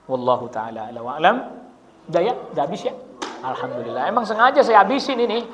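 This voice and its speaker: A male preacher giving a casual religious study talk in a mosque, lively and colloquial, acting out the people he describes. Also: fairly high pitch, fast, dull audio, a little hiss or hum. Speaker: Islamic preacher.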